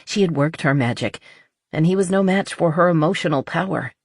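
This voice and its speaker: A woman narrating an audiobook novel in measured storytelling. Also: low voice, slightly rough, dry recording, studio quality. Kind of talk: scripted narration.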